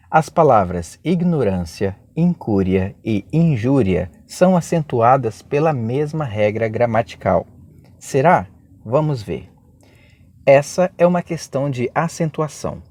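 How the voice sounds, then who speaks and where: A man with a Brazilian accent teaching an exam-prep grammar lesson, asking rhetorical questions and spelling out syllables slowly. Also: mid-range voice, dark tone, no room sound, clean studio sound. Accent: Brazilian Portuguese. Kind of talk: video lesson.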